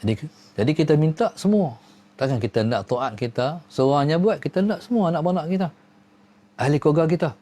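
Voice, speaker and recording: A man giving a religious lesson, reciting Arabic prayers and swinging from low murmurs to high exclaims. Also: lively intonation, brisk, dark tone. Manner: recites Arabic prayers within his talk. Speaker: religious teacher.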